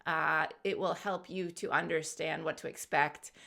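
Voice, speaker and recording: A woman's voice: deep voice, steady tone, a little slow, vocal fry, pushed and bright. A woman YouTube coach in her thirties, casually talking viewers through an imagined journey with plenty of fillers. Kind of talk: guided imagery storytelling.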